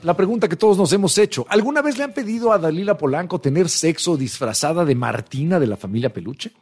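A man's voice: on the high side, expressive, quick pace, darkish tone, breathy edge, soft background music. A man hosting a radio show, teasing and joking in playful banter.

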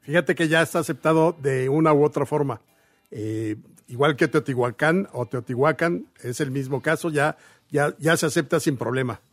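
A man with a Mexican Spanish accent, a guest historian telling history in a measured, explanatory way on a radio talk show. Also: a little high, no echo.

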